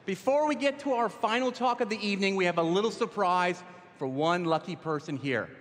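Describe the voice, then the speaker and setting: Hall reverb surrounds the stage-mic'd voice of a man emceeing a conference, keeping the patter light and upbeat. His voice sits high and a little bright.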